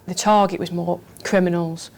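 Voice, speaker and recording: A woman's voice: lowish voice, fairly even intonation, normal speed, creaky, a little mellow. A woman traffic police officer explaining her work in a plain, matter-of-fact interview.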